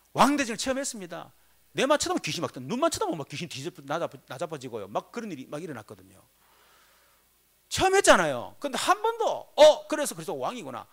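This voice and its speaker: Animated pastor preaching, wide pitch swings. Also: male voice, gravelly, breathy edge. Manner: animated storytelling, swinging between loud outbursts and low asides. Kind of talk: sermon. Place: church sanctuary.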